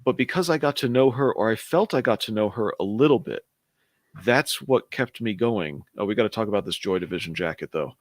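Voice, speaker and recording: A man's voice: lowish voice, animated, brisk, no room sound. A man in casual chat, reviewing a comic book on a video call and circling back to make his point. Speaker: co-host of a comic book show.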